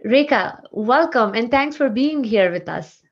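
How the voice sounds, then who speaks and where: A woman hosting a podcast, reading out a guest introduction in a scripted, even way, then asking questions. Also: on the high side, measured pace, highs cut off. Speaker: podcast host.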